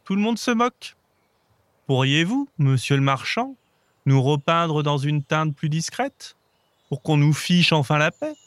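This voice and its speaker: A man voicing a big, embarrassed hippo who pleads in a high whining voice for a storybook reading. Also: expressive, a little slow, fairly bright tone, no echo. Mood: pleading.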